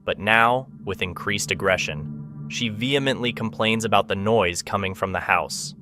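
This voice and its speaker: A man's voice: fairly low pitch, moderate pace, music in the background. A man reading a dramatic scripted narration for a video as its narrator.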